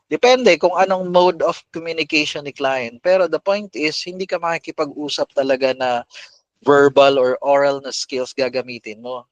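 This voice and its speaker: Man, podcast host, upbeat coaching talk, slightly high voice, dry close sound. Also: moderate pace, dry recording, dull audio. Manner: animated, mixes Tagalog and English, addresses listeners as boss. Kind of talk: casual coaching talk to listeners.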